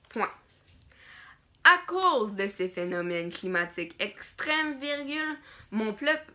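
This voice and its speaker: A woman teacher dictating a school text phrase by phrase, deliberately repeating phrases and speaking the punctuation aloud. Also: fairly high pitch, pushed and bright.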